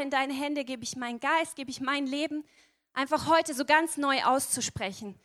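High-voiced woman preaching earnestly. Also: sharp tone. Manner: earnest, addresses listeners directly with questions; tag questions "ja?". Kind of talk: sermon.

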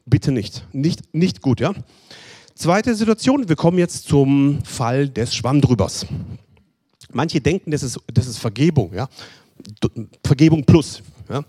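A man's voice: medium pitch, measured pace, slightly rough. A man preaching a sermon, pleading with listeners and acting out short dialogues. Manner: pleading, repetitive, addresses listeners directly; animated, acts out short dialogues in other voices.

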